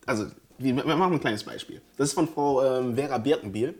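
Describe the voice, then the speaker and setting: A man's voice: mid-range voice, a little fast. A man in a casual motivational podcast chat, explaining ideas step by step and checking in often. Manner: explanatory, checks in with frequent "ne?", acts out quoted voices. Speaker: podcast co-host.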